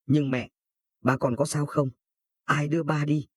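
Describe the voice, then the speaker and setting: A man's voice: a little high, level tone, measured pace, dry recording, studio quality, pitched above the performer's own voice. A man voicing a frightened thirteen-year-old girl. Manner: stammering, tearful pleading.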